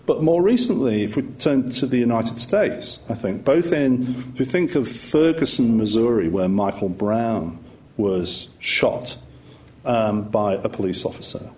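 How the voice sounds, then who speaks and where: Low-voiced, reflective academic man. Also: darkish tone. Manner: measured, reflective, with restarts. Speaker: academic panelist. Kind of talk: panel discussion.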